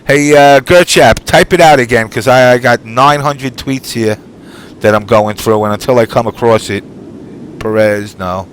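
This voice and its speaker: A man's voice: mid-range voice, moderate pace, a little hiss or hum, low-quality recording. A man hosting a live online talk show in an informal, rambling way. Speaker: show host.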